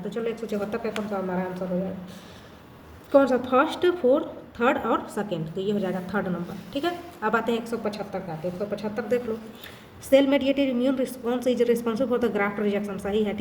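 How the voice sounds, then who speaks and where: A woman teacher solving a test aloud in a casual way, reading statements slowly and then answering briskly, mixing in English terms. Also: mid-range voice, a little mellow, slight background noise. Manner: mixes English terms into her talk. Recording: echoey room with faint ambience.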